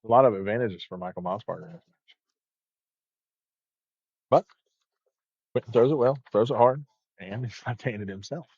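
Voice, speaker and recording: A man's voice: fairly low pitch, normal speed, pauses often, a little mellow, a little hiss or hum. A man commentating live on a bowling tournament in a chatty, loose way with lots of fillers. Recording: dull lo-fi stream audio.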